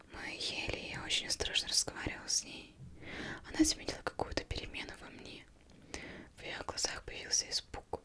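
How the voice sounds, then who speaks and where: A young woman reading a novel aloud as ASMR in a breathy, unvoiced whisper, very close, as if right in the listener's ear. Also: fairly bright tone. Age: young adult. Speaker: ASMR reader. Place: indoors, plain studio backdrop. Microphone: close microphone.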